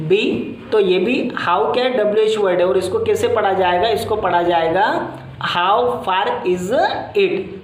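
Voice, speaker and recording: A woman teacher explaining a lesson step by step and slowly repeating example sentences. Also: mid-range voice, a little mellow, a little hiss or hum. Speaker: English teacher. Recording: echoey room.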